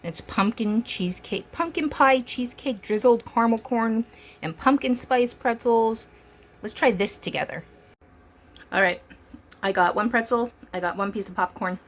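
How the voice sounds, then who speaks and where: A woman's voice: on the high side, moderate pace. A young woman hosting a home cooking vlog, chatty and enthusiastic as she taste-tests her baking. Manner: chatty and enthusiastic, talks while chewing. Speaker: food vlogger. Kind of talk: casual cooking demo and taste test.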